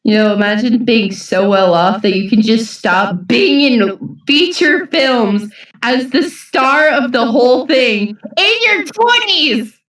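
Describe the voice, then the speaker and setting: A woman chatting casually in a fan discussion, animated and giggly. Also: a little high, slow. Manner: animated and giggly, reads comic lines aloud. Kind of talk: casual chat. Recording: roomy echo from far mic.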